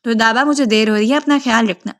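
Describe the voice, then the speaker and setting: A woman voicing an outspoken young woman who speaks briskly in a storybook reading. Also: on the high side, close to an everyday voice. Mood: scolding.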